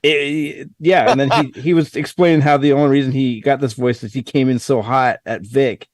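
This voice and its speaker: A man's voice: mid-range voice, fairly even intonation, a little fast, dry recording. A man co-hosting a casual online show, teasing friends and calling them "dude". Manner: laughing, teasing, calls people "dude". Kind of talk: casual banter on a call.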